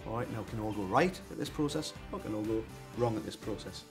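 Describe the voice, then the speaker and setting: A creative director coaching a student team in a brisk, emphatic way that repeats the key points. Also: male voice, on the low side, animated, over music. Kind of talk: coaching advice.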